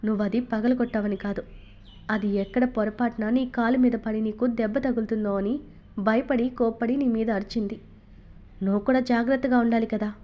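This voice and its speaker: A woman reading a novel aloud and voicing a patient father who gently soothes his little son. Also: a little high, fairly even intonation, a little fast, natural voice. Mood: soothing. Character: calm, gentle father of young children.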